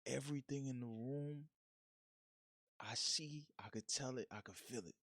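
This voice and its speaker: A man's voice: mid-range voice, unhurried, a bit bright, no echo, clean studio sound. A man hosting a solo podcast, talking in a frank, slangy, laid-back way in a casual monologue. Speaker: podcast host.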